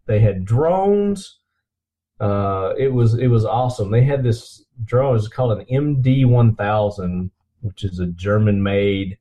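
A man's voice: fairly low pitch, a little slow, warm tone. A man hosting a podcast in enthusiastic casual chat, recorded through a computer's built-in microphone. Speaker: podcast host. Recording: dull lo-fi computer microphone pickup.

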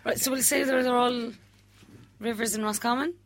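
A woman's voice: on the high side, fairly even intonation, moderate pace. A woman from Mayo with a west of Ireland accent, talking casually as a contestant in a quiz. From County Mayo, west of Ireland. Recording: noticeable background noise and hum.

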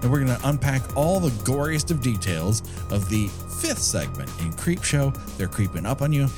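A man hosting a casual comedic podcast in a theatrical, showman-like way with drawn-out announcements. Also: mid-range voice, very animated, music in the background. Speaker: podcast host.

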